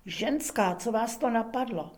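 A woman's voice: on the high side, expressive, natural voice. A woman voicing a stingy, frightened peasant man who talks in anxious exclamations. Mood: alarmed.

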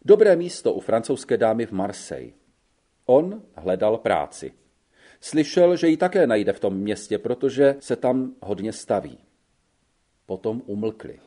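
A man reading a classic story aloud as narrator, measured and expressive. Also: fairly low pitch.

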